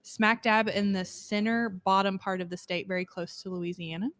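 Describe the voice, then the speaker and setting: A woman's voice: medium pitch, fairly even intonation, moderate pace, fairly bright tone. Woman guest on a podcast, chatty and friendly, easy laughs. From Arkansas. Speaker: guest, instructional design coordinator. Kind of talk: conversational interview answers. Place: conference hotel.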